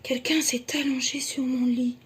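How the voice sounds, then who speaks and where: A woman voicing a gentle mama bear with a soft, raised voice. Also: high voice, flat delivery, moderate pace, recorded from a distance, slight background noise, voice pushed up, natural voice.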